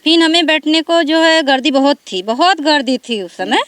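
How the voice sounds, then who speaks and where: High-voiced chatty woman telling a story. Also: moderate pace. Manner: lively, chatty, acts out quoted dialogue. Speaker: interviewee. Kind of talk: casual storytelling in an interview.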